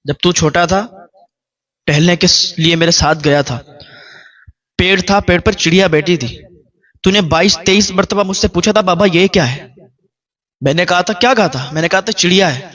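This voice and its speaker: A man voicing an old father with tears in his eyes, gently reproaching his son. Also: sits high, pauses often. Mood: sorrowful.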